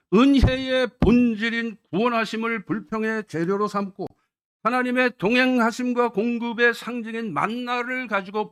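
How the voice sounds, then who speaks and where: A pastor preaching from a church pulpit, his male voice sitting high for a man. He puts questions to the congregation and answers them himself. He lifts and slows his voice when quoting scripture. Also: a bit bright. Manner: quotes scripture in a raised, slowed voice; drops in English words. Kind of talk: sermon.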